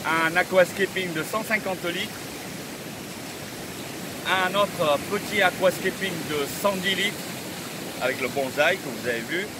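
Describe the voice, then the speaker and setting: A higher-voiced man in his fifties chats in a casual vlog Q&A, answering viewers over loud wind and ambient outdoor noise. Of Chinese descent, he grew up in Vietnam before moving to France at fourteen, and French, learned in his teens, isn't his first language. His speech is halting, with non-native phrasing and repeated phrases.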